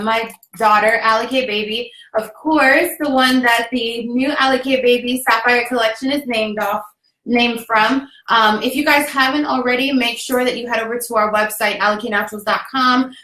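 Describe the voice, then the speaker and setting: A woman's voice: fairly high pitch, sharp tone. A young woman from Jamaica hosting a casual livestream, upbeat and chatty, laughing often. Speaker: host. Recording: echoey room.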